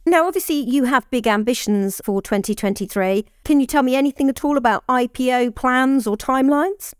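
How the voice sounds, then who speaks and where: A woman's voice: sits high, fairly quick, clean tone, dry recording, clean studio sound. A woman interviewer asking long, layered questions in a conversational way.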